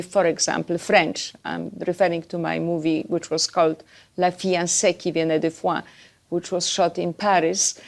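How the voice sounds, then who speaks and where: A woman from Poland with a Polish accent, a podcast guest chatting about her life and career with pauses and fillers. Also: medium pitch. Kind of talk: podcast interview.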